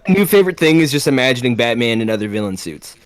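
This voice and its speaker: A man co-hosting a podcast, talking in an excited, rambling way and laughing often. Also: medium pitch, racing. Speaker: podcast co-host. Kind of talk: casual podcast chat.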